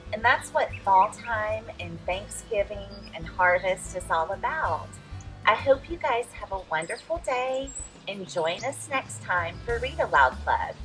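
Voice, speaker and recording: Reading a picture book aloud to young listeners, a woman host tells the story expressively, speaking to the children and stopping for comments on the pictures. Her voice is medium-pitched, and the audio quality is poor.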